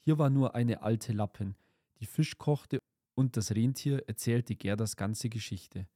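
A man narrating a fairy tale in a calm, measured storytelling manner. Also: mid-range voice, no echo, clean studio sound.

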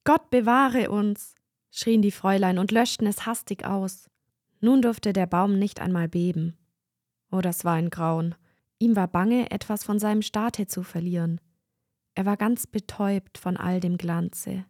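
A woman reading a fairy tale aloud in a calm, measured storytelling manner. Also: medium pitch, no echo, clean studio sound. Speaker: reader.

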